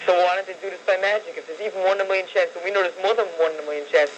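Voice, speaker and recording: Fast argumentative male caller. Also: high-pitched, fairly even intonation, highs cut off, a little hiss or hum. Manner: argumentative, presses a point. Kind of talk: call-in talk radio.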